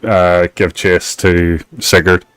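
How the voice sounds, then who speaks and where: Low-voiced game master, halting. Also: male voice, level tone, a bit bright, smooth, no room sound, rough recording. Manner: halting, filler-heavy, laughs easily. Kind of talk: narrating a tabletop game.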